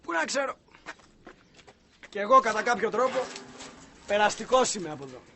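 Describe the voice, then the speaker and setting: A man's voice: sits high, very animated, sharp tone, heavily acted. An actor playing an evasive young man who answers a stranger's questions offhandedly in a sitcom. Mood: cagey. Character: evasive young man working at a big house. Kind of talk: sitcom acting.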